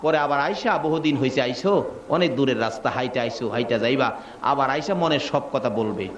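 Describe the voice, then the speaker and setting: A man preaching a waz sermon, telling the story dramatically, acting out voices and breaking into shouts. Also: mid-range voice, brisk.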